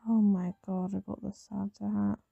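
A woman who has just woken up, with a slightly raspy morning voice, giving casual commentary while playing a game. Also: medium pitch, little pitch movement, moderate pace, dry recording, phone-quality sound, faint music behind. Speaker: gamer narrating gameplay.

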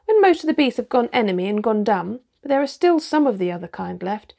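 A woman reading the lines of a gruff, blunt male dwarf soldier in a storybook, with a practical, grumbling manner. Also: fairly high pitch, sing-song, fairly quick, darkish tone, heavily acted.

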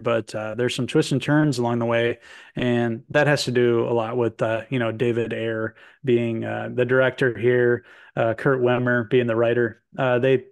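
A movie review co-host chats casually about a film over a webcam video call from a room at home hung with posters. His medium-pitched voice wanders, full of fillers and restarts.

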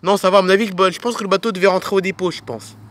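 A man's voice: high voice, fairly even intonation, rapid-fire, a bit bright, slight background noise. A man narrating a playful toy film as a dad, pointing things out to the kids with enthusiasm.

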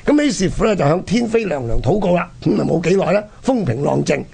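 Amid crowd noise, a high-pitched male radio host with a Hong Kong accent tells history stories colloquially, throwing in rhetorical questions. He speaks quickly and expressively, with vocal fry.

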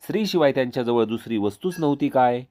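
A man's voice: mid-range voice, expressive, fast, warm tone, lightly acted. A man voicing a distressed but courageous young queen who questions firmly. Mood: firm, defiant. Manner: firm, questioning.

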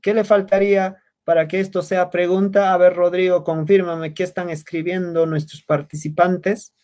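A man teaching an online language class over a video call, patiently repeating words slowly for his students. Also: high-pitched, level tone, a little mellow.

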